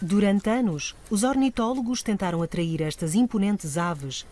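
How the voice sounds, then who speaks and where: A woman with a European Portuguese accent reads scripted nature documentary narration in a measured, articulate storytelling manner. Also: mid-range voice, warm tone. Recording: music bed under voice. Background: music.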